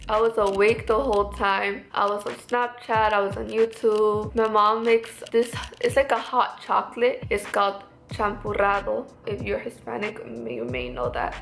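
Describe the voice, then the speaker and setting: Creaky high-voiced woman, stiff after wisdom teeth surgery. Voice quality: stiff-mouthed, restrained speech from swelling after wisdom teeth removal. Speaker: vlogger. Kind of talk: casual vlog recounting.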